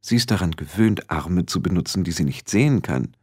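A man voicing a stern, sharp-tongued old female witch in an audiobook, speaking in firm, clipped commands. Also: deep voice, expressive, a little fast, slightly rough. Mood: hushed. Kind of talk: audiobook reading.

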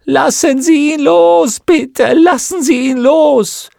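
A man voicing a terrified, tortured witch woman who pleads in a high, strained, crying voice. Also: unhurried, creaky, a little mellow, no room sound, studio quality, exaggerated voice. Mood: desperate pleading. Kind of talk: audiobook reading.

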